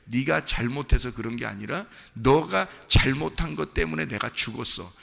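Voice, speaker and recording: Gentle reassuring God, gravelly warm promises, as a pastor speaks him, church hall echo. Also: male voice, mid-range voice, moderate pace, full character voice. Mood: tender. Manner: gentle promises, soothing repetition. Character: tender, reassuring God, male, steadfast.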